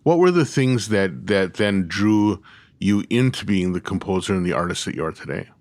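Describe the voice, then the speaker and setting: A man's voice: low-pitched, animated, normal speed, a little mellow, no room sound. A man hosting a podcast interview, asking curious, rambling questions. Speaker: podcast host. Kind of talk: casual interview conversation.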